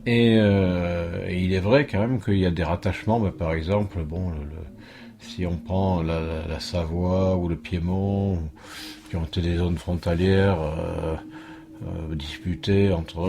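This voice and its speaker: A middle-aged man from France answering an interview question at length, thoughtful and hesitant, with many fillers and restarts. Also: sits low. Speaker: interviewed religious teacher.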